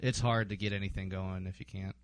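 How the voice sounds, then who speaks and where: A man's voice: sits low, fairly even intonation, brisk, clean tone, no echo. Casual man hosting a podcast, dry sound. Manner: hesitant, lots of ums, recapping games. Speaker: podcast host. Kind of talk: casual sports chat.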